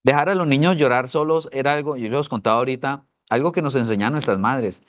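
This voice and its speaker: Man, middle-aged, church parenting co-teacher, emphatic storyteller, mid-pitched voice. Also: quick pace. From Colombia.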